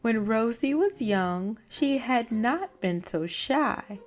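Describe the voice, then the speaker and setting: A woman reading a children's picture book aloud with deliberate, dramatic phrasing. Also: fairly high pitch, lively intonation, faint music behind. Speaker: read-aloud storyteller.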